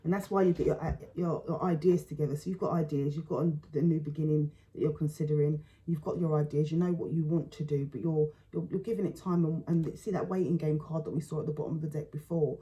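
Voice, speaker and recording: The audio quality is poor as a female tarot reader talks through a relaxed reading. She hesitates between phrases, repeats herself a lot, and says her voice feels low today.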